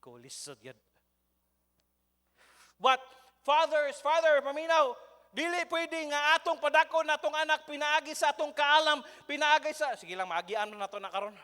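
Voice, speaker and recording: Cebuano pastor guy preaching, lively storyteller, sharp tense voice, echo rings around the church hall. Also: very high-pitched, normal speed. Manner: animated storytelling, mixing in English. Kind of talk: sermon. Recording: long church hall reverb.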